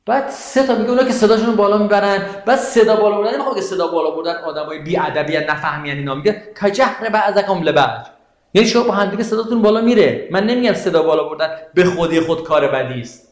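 A man giving a lecture on Quranic verses to a class, animated and questioning his listeners, reciting Arabic verses slowly. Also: high-pitched. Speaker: religious teacher. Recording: very echoey room.

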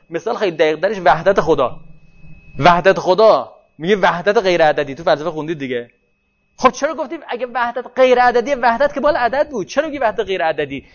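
Man, teacher, high voice, conversational lecture, checks students follow, dull lo-fi recording. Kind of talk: classroom lecture.

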